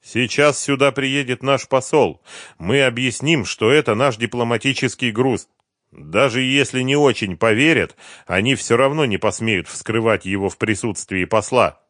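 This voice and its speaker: A man voicing an excitable male colonel who shouts his lines in a high, strained voice. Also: moderate pace, no room sound, studio quality, natural voice. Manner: high-pitched frantic shouting.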